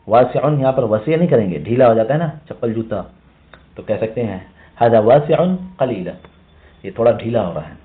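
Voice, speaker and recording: A man's voice: on the low side, animated. A male language teacher explaining a reading passage line by line, repeating words and asking himself questions. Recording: tinny phone-like sound.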